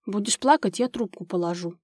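A woman voicing a kind young woman who cares for a little girl, speaking gently and reassuringly. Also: medium pitch, brisk, dry recording, clean studio sound, lightly acted. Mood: stern.

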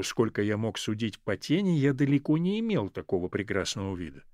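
A man reading a literary story aloud as an audiobook narrator, in an expressive storytelling manner. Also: medium pitch, no echo, studio quality.

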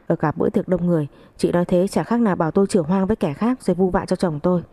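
A woman's voice: lowish voice, rapid-fire, mellow, no room sound, lightly acted. A woman playing an angry, tearful young wife. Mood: accusing. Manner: accusing, tearful. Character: hurt, furious young wife.

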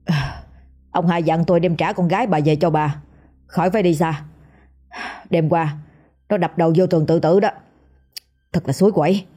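A woman voicing a burly, gruff village man with a deep, booming voice who speaks bluntly. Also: steady tone, normal speed, pauses often, mellow.

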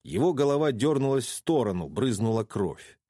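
A man giving dramatic first-person audiobook narration with an expressive, tense delivery. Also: medium pitch, normal speed, dry recording, clean studio sound.

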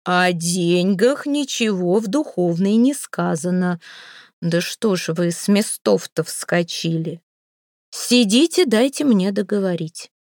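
A woman's voice: lively intonation, slow pace, a little mellow, dry recording. A woman voicing a fussy middle-aged widow handing out an inheritance in a placating tone, dry close sound. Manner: placating, then shrill.

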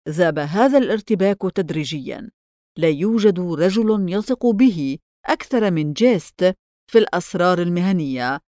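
Woman reading a novel audiobook, lower voice, steady pace, dead dry booth sound. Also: no echo. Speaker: audiobook narrator. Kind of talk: scripted narration.

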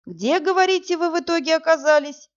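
A woman voicing a weary middle-aged male police captain who talks in a bored, dismissive, unhurried way. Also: very high-pitched, voice pushed up. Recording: dull lo-fi audiobook recording.

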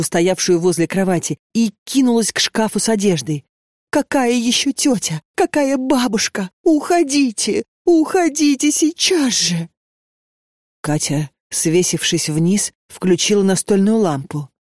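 A storyteller reading an audiobook in a tense, steady way. The pitch sits in the middle, and the recording is very dry and close, with no room sound. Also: no room sound. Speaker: narrator. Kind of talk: audiobook narration.

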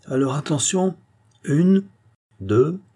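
Dude doing a loud jolly old clown guy, storybook style, pitched way up. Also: animated, slow pace, breathy edge, full character voice. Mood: hearty. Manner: hearty, loud, exclamatory. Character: old ex-clown, boisterous gym owner man.

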